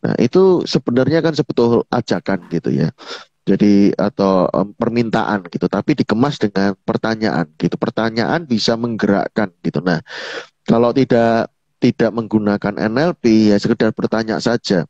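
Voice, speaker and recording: A man's voice: on the low side, expressive, normal speed, darkish tone, dry recording. A man, an NLP coach explaining ideas in casual talk, padding phrases with fillers and acting out quoted people. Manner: chatty, fills with "gitu ya", quotes others in a raised voice. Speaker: NLP coach, guest speaker. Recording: dull dry lo-fi online audio.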